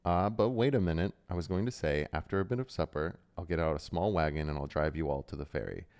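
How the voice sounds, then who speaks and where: A gruff, kindly old hobbit farmer speaking in a low, smooth drawl, as a male reader puts him on. He sounds plain and homely, like a storybook country host. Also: fast talker, a little mellow. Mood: hospitable.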